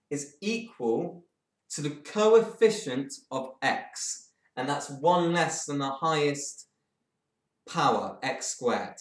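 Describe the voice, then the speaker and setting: A man's voice: on the high side, recorded from a distance. A man tutoring through an exam paper in a casual, thinking-aloud way, with frank asides. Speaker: maths tutor. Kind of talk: exam walkthrough lesson. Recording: echoey room, voice off-mic.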